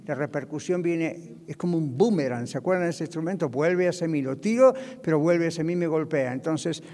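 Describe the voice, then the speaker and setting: High-voiced pastor preaching in a hall. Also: male voice, fairly quick, warm tone. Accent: Latin American Spanish. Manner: conversational preaching with asides to the congregation. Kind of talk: sermon on marriage. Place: church hall.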